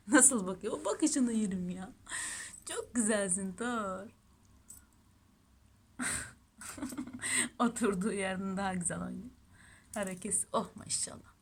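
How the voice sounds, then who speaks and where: With a husky, medium-pitched voice, a woman speaks slowly and pauses often while filming her cats at home. As a pet channel host, she dotes on them in baby talk and chats casually to her audience.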